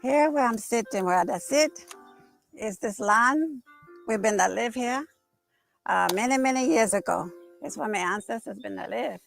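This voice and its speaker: Gravelly older woman. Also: fairly high pitch, unhurried. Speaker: community member interviewed. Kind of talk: documentary interview, personal recollection. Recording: music under interview. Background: music.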